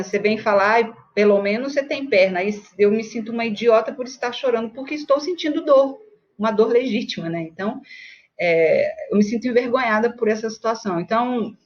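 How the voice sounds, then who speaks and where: The lo-fi recording captures a medium-pitched woman with a Brazilian Portuguese accent leading a book study like a conversation. She keeps checking in through tag questions and demonstrates examples by acting them out.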